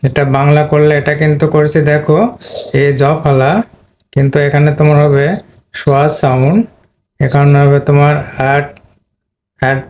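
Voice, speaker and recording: Man teaching with a flat delivery. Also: a little high, a little hiss or hum. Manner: step by step, repeating words slowly. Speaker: English pronunciation teacher. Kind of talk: explaining at a board.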